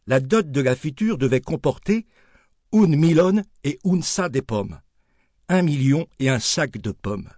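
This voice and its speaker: A man narrating an audiobook in an expressive storytelling manner. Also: mid-range voice, no echo, clean studio sound. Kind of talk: scripted narration.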